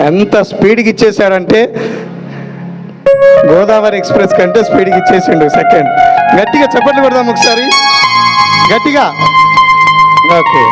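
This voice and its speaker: A man, a pastor officiating a wedding, joking with the couple and leading the vows loudly line by line. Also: sits high. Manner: jovial and teasing, loud call-and-repeat prompting.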